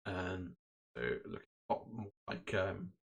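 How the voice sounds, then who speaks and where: Low-ish guy rambling through live game commentary, lots of ums and restarts. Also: flat delivery, unhurried, a little hiss or hum. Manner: chatty, many fillers and restarts. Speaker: host and commentator.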